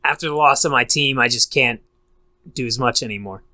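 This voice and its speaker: A man's voice: medium pitch, a little fast, sharp tone, no echo. A man as a player in a tabletop game, describing his actions hesitantly with many fillers. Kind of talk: casual tabletop role-play.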